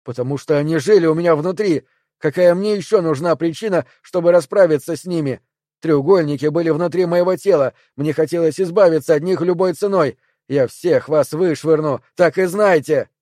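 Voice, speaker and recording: A man's voice: fairly high pitch, moderate pace, warm tone, no echo, clean studio sound, close to an everyday voice. A man doing an enraged, paranoid infected man. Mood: raging. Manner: raised, angry, ranting.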